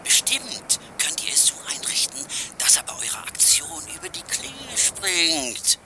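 An actor playing a scheming crook boss who speaks in a hushed, contemptuous way. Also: male voice, fairly high pitch, sing-song, a little slow, slight background noise, heavily acted. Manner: contemptuous, insulting. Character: scheming adult male crook boss, sneering and cold.

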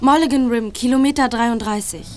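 An actress playing a shy, tearful young woman in a German radio drama, talking softly and hesitantly. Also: a little high, fairly quick, natural voice. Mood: earnest. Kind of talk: German radio-play acting.

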